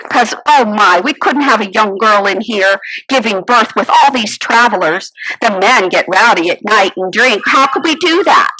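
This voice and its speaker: A woman voicing a gentle, soft-spoken innkeeper husband who pleads earnestly. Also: medium pitch, animated, moderate pace, few pauses, dry recording, voice pushed down, low-quality recording. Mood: pleading.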